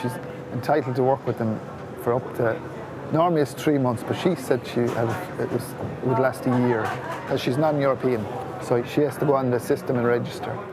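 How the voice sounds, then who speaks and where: A man's voice: mid-range voice, fairly even intonation, brisk, poor audio. An Irish man speaking as a border officer, courteous and procedural, in short routine phrases and plain explanations. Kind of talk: border officer talk, brief routine questions and explanations to camera. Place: airport passport control desk. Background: loud music.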